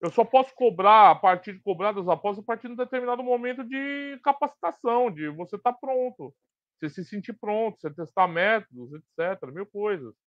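A Brazilian man with a slight tongue-tied lisp, hosting an unscripted live talk and explaining his points emphatically in halting, repeated phrases. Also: high-pitched, animated, no room sound, dull audio. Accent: Brazilian Portuguese. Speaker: host of a live sports betting talk stream. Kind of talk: unscripted live commentary and discussion.

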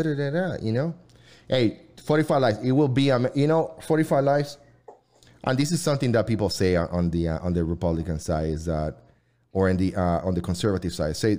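A man's voice: lowish voice, mellow. Rambling man hosting a live chat stream. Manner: rambling, halting, many restarts and fillers. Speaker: livestream co-host. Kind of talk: casual live chat show.

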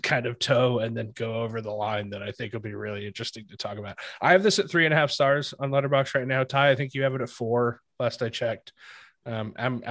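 Man, podcast host, casual chat, relaxed filler-heavy talk, dry close sound. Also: mid-range voice, dry recording. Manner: relaxed, chatty, many fillers.

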